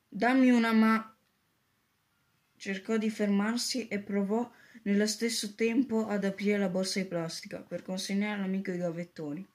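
A woman narrating a story aloud in a steady reading voice, with occasional slips and restarts. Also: medium pitch.

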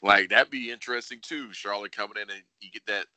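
A man's voice: on the low side, fast, pushed and bright, no room sound. A man hosting a casual sports podcast, speculating in a teasing, opinionated way. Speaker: wrestling podcast host.

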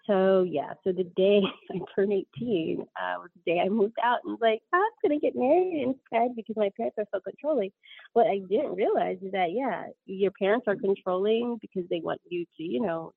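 A woman in her 30s, an interview guest, tells stories in a rambling way, with frequent ums, self-corrections, and lots of laughter. Her medium-pitched voice is creaky and slightly rough, over a tinny, dry line.

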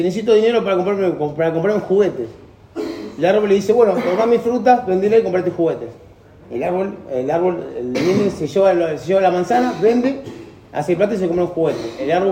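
A high-voiced man with a Rioplatense accent, speaking fast in a mellow tone. He tells a personal story in a group talk, earnest and rambling, with many restarts. The room is echoey and has faint background noise. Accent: Rioplatense Spanish.

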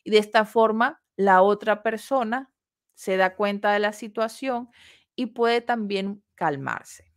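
A woman giving a recorded course lecture, explaining steps in a measured way with pauses and rhetorical questions. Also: mid-range voice. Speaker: course instructor. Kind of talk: recorded lecture on customer service.

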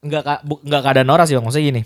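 A man's voice: on the high side, fairly even intonation, very fast. A man telling a loose, slangy story as a podcast guest. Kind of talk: casual podcast chat.

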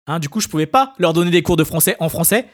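A man's voice: fairly high pitch, lively intonation. A French man hosting a comedy podcast, sarcastic and full of asides. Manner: sarcastic, rapid, peppered with hein and tu vois. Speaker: podcast host. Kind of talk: scripted comedy monologue.

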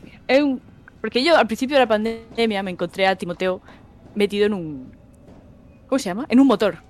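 Woman, giggly casual chat, video call, mid pitch. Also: lively intonation, brisk. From Murcia, Spain. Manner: giggly, laughs often. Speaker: guest illustrator.

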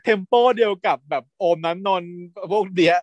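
Man, podcast co-host, lively recap with acted-out lines, slightly high voice, dry close mic. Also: moderate pace, dry recording. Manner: animated retelling, acting out characters' lines. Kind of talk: casual chat.

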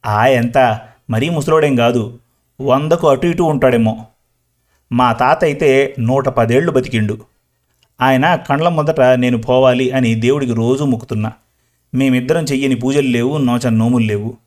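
Man playing talkative old village granny, slow and rambling, storybook. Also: mid-range voice, darkish tone, lightly acted. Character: chatty old village grandmother, talkative and proud. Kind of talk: storybook reading.

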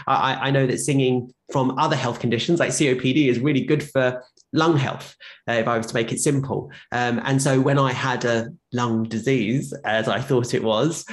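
A man with a mid-pitched voice, a guest with lived experience of long covid, shares a conversational personal account. His storytelling is halting and rambling, packed with ums, fillers, and restarts, and he's short of breath at times.

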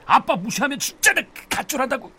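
A middle-aged man playing a boastful, grumbling father in a radio drama, quick to shout. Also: very high voice, big pitch swings, slightly rough, heavily acted. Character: blustering, idle middle-aged dad.

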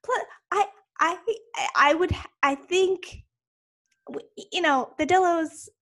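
A woman co-hosting a podcast in casual chat, emphatic and quick to laugh. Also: very high-pitched, a bit bright. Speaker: podcast co-host.

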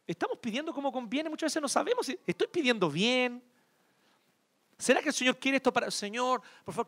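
A man preaching a sermon in a Chilean Spanish accent, shifting between loud emphasis and hushed, tender passages. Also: extremely high pitch. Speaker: pastor.

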